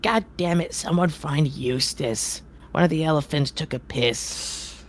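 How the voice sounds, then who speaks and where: A man's voice: fairly high pitch, a little slow, slight background noise, pitched above the performer's own voice, lightly acted. A man voicing a bossy, impatient halfling circus ringleader who barks orders. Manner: impatient, barking orders, fumbling. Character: gruff, bossy little halfling ringleader, middle-aged man.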